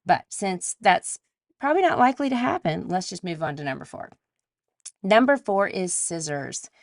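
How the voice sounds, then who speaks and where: A woman's voice: lowish voice, very animated, moderate pace, vocal fry, no echo, clean studio sound. A woman, hosting a solo podcast and talking through a numbered list with faith asides. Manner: warm list-style reflection with faith asides. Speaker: podcast host. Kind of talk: scripted solo podcast talk.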